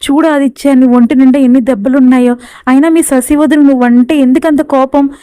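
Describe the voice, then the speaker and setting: A woman's voice: sits high, steady tone, a little fast, dark tone, smooth, no echo, lightly acted. A woman voicing an angry young woman in a serial recap, speaking bitterly and heatedly. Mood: indignant.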